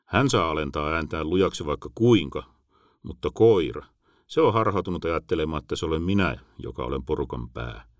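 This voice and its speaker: Very deep, dry-voiced man narrating. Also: animated, no echo. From Finland. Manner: dry, wry and reflective. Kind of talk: first-person essay narration.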